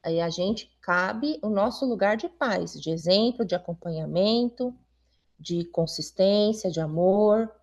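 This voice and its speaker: A woman's voice: mid-range voice, measured pace, muffled recording. A middle-aged woman, an invited educator, talking to parents in a conversational way with frequent tag questions. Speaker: invited school supervisor and educator. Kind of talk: talk to parents at a meeting.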